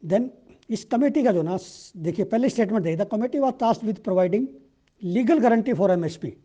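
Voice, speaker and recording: A man with an Indian accent, teaching exam questions in a conversational way and reading statements aloud slowly. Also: high-pitched, lively intonation, dark tone, lo-fi sound. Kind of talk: explaining current-affairs exam questions.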